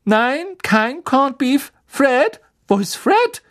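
A man's voice: very high voice, big pitch swings, very slow, a bit bright, pitched above the performer's own voice, exaggerated voice. A man voicing a fussing, motherly middle-aged witch who calls out shrilly and bustles about. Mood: bustling.

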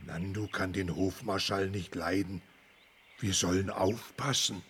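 A good-natured talking elephant in an audio drama. He speaks slowly with a slightly husky voice and breaks into elephant trumpeting. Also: low-pitched, steady tone, a bit bright, full character voice. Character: kind, friendly talking elephant.

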